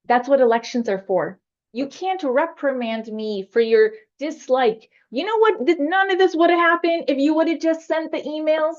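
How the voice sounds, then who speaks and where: A high-pitched woman trustee speaks with combative, emphatic passion at a village board meeting. The recording is dull and lo-fi. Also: expressive, moderate pace. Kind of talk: heated public meeting debate.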